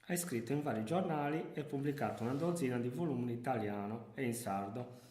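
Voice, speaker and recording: A man working as a radio interviewer asks short, direct questions in a voice of middle pitch. Behind his voice is a noticeable roomy echo. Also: fairly quick, darkish tone.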